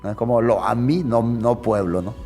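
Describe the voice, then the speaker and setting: A man's voice: medium pitch, fairly even intonation, moderate pace, a little mellow, long reverb tail, soft background music. Man preaching a conversational Bible sermon. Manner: conversational, asks the audience "¿no?" often.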